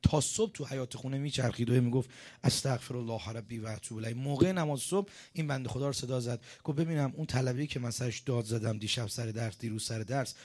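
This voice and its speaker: A man delivers a sermon, telling a story with swings between loud outbursts and hushed lines. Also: mid-range voice. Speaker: preacher.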